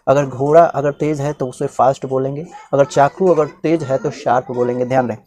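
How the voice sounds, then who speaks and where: A man explains English sentence structure in a classroom manner. He quizzes the listener and answers himself, drawing each example out slowly. He checks in often with a short "theek na". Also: medium pitch, steady tone, darkish tone. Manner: says "ठीक ना" often as a check-in. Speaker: English teacher. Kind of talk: classroom-style lesson, Hindi explanation.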